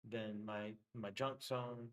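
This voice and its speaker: A man's voice: lowish voice, fairly even intonation, slow pace, a bit bright, rough recording. A man hosting a live trading stream, talking loosely through his charts with many fillers, his voice getting worn. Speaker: trading livestream host. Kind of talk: casual live trading commentary.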